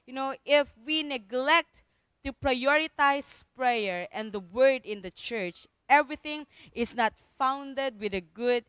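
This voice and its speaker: A woman's voice: a little high, a bit bright, clean tone, dry recording. A woman pastor with a Filipino accent giving an earnest devotional Bible teaching, repeating her key phrases and mixing in Tagalog.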